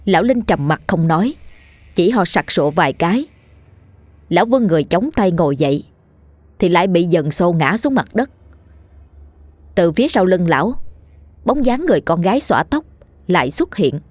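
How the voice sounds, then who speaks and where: A woman reading a ghost story in an even, measured way. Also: fairly low pitch, no room sound. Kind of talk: scripted ghost story narration.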